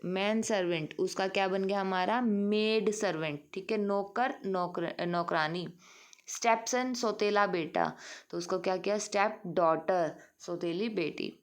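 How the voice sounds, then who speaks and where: Woman teaching an English lesson. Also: medium pitch. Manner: drills students with repeated questions like "clear?"; mixes Hindi and English, calls students "beta". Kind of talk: online class lesson.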